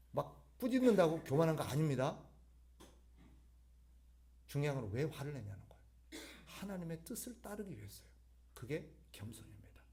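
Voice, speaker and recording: Lively high-voiced Korean pastor preaching. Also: male voice. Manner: asks the congregation rhetorical questions and answers them; conversational preaching with sudden emphatic rises. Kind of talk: sermon. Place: church service.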